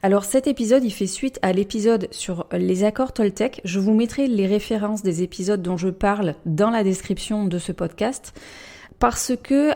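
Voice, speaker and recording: Woman, life coach host, mellow voice, gentle and measured, calm podcast talk. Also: medium pitch, vocal fry. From France.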